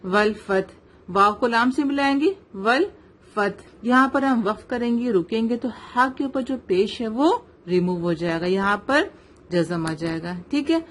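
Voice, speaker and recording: A woman with a Pakistani Urdu accent teaching tajweed in an online lesson, slowly modelling recitation and checking with the student. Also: a little high, a little hiss or hum. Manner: slow, careful modelling of recitation, checks with "right?".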